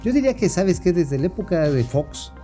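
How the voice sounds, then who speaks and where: A man with a Mexican Spanish accent co-hosting a talk show, bantering and swearing with quick asides. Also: high-pitched, very animated, warm tone, soft background music. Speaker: co-host. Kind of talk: casual talk-show chat.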